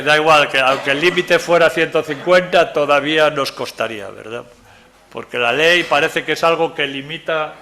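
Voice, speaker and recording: An older preacher with a gravelly, bright voice leads a Bible study. He talks in a chatty, joking way and keeps checking in with his listeners. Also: fairly high pitch, a little hiss or hum. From Galicia, Spain. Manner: conversational, keeps asking "¿verdad?", jokes with the audience. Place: church meeting room.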